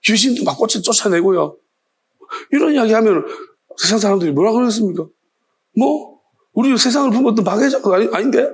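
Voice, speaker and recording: A man's voice: high voice, expressive, fairly quick, husky. A male pastor preaching a sermon, firing off challenging rhetorical questions in a scolding tone.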